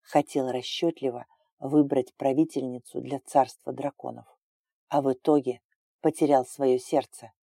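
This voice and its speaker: A woman narrating a romance story in a calm, even reading voice. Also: extremely low pitch, normal speed, gravelly, no echo, clean studio sound.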